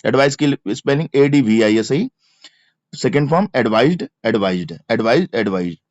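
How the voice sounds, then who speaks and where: A man's voice: mid-range voice, expressive, moderate pace, darkish tone, dry recording. A male teacher with a Hindi accent, giving an exam-prep grammar lecture, spelling words out letter by letter and repeating each verb form. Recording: dry, slightly dull lo-fi mic.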